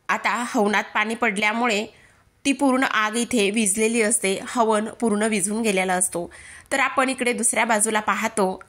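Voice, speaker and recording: A woman retelling a TV serial episode in steady, present-tense storytelling narration. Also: fairly high pitch.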